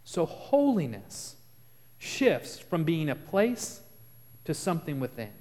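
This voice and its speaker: A man with a slight Texas accent delivers a sermon from the pulpit, explaining scripture in an earnest, teacherly way. His voice sits a little high for a man, and he lets his volume rise and fall around dramatic pauses. The sound carries the long reverb of a large church sanctuary. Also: very animated, a little mellow. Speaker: pastor.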